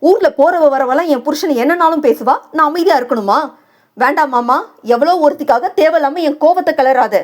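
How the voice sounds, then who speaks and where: Woman doing jealous young wife, fiery, scolding, higher voice, audio novel. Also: lively intonation, normal speed. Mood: angry. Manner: fiery, scolding, teasing her husband. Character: quick-tempered young wife, a jealous lawyer.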